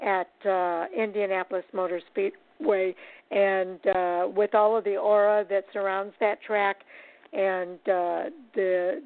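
A woman hosts a casual racing talk show and gives firm opinions, padding her sentences with plenty of "uh"s. Her voice comes through a narrow, phone-like line that sounds dry and close. She speaks at a middling pitch. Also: no echo. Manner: opinionated, many "uh" fillers. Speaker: race talk show host. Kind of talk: casual podcast race talk.

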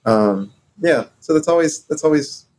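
A man from Morocco co-hosting a casual podcast discussion, talking in halting stops and starts with many fillers. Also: fairly high pitch, expressive, darkish tone. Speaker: podcast co-host.

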